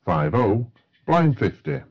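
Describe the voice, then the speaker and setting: A man's voice: medium pitch, very animated, slow, highs cut off. A man working as a bingo caller, announcing numbers in set phrases with a matter-of-fact delivery.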